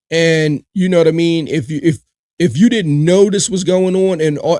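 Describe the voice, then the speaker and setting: A man's voice: fairly high pitch, darkish tone, no echo. Emphatic man reacting live, dry sound. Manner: emphatic, repetitive, addresses viewers directly. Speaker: live reaction show host.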